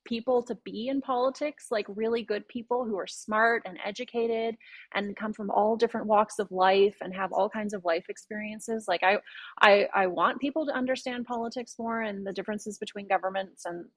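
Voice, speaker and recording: A woman's voice: medium pitch, normal speed, no room sound. Earnest Canadian woman, dry close sound. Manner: conversational, earnest, many fillers and restarts. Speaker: guest panelist. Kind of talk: casual panel discussion.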